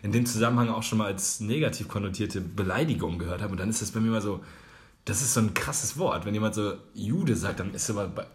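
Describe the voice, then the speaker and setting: A man's voice: on the low side, quick pace. A young man co-hosting a casual podcast, talking loosely with slang and swearing, often dropping to a mutter. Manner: loose, swearing, drops into mutters and mock quotes. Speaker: podcast co-host.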